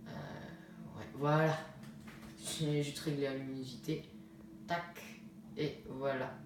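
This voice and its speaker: A man with a mid-range, level voice talks slowly, giving chatty, rambling commentary on his own game and often correcting himself as a let's play gamer. It was recorded on a phone filming the screen in a room, so the sound is roomy and distant with faint hiss.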